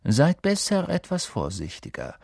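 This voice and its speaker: Man playing a sneering teacher, slow silky threats, husky voice, lively pitch. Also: dry recording, studio quality, full character voice. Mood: menacing. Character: cold sneering male schoolteacher.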